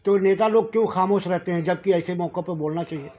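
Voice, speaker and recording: A man's voice: sits high, fast talker, warm tone. A man working as a reporter, asking pressing, insistent questions at a press conference.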